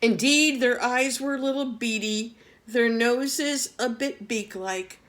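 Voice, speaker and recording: A woman's voice: a little high, slow, a bit bright, rough recording. A woman reading a picture book aloud to young children, adding chatty asides to the children. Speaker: storybook reader.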